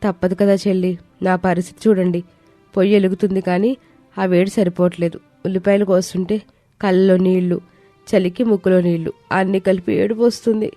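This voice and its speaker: A woman's voice: medium pitch, level tone, brisk, dark tone, dry recording, soft background music, lightly acted. Woman voicing a firm eldest daughter-in-law. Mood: weary. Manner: firm, exasperated.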